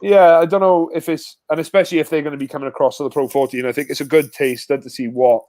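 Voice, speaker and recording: A man's voice: on the high side, steady tone, fast, darkish tone, no echo. Chill guy co-hosting a rugby stream, teasing banter, easygoing. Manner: laid-back, teasing banter. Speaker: co-host. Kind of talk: casual live-stream chat.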